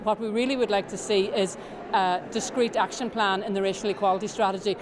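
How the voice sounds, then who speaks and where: A woman gives a formal spokesperson interview at a brisk clip, articulate and measured in her wording. A busy crowd is audible around her. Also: medium pitch, steady tone. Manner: articulate, policy-minded. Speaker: advocate for Traveller rights. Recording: busy crowd and street noise behind.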